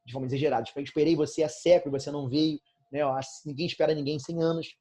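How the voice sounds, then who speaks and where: Brazilian male teacher, slightly husky voice. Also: a little high, fairly even intonation, very fast, mellow. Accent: Brazilian Portuguese. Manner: casual, fillers like "né, cara?" and "tranquilo?". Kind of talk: online class lecture. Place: bedroom at home.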